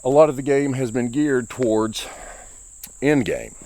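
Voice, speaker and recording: A man's voice: mid-range voice, animated, a little slow, warm tone. A man talking on a walk, out of breath, rambling through his opinions about a game in a casual vlog. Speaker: gaming vlogger. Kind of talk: casual vlog monologue while walking. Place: outdoors on a walk, rural.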